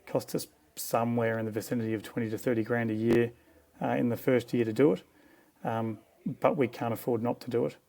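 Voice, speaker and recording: A middle-aged Australian man speaks in a gravelly, creaky voice at an ordinary pitch. He gives frank, reflective interview answers and states his opinions plainly. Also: flat delivery, a little fast, warm tone. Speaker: guest osteopath and clinic co-director.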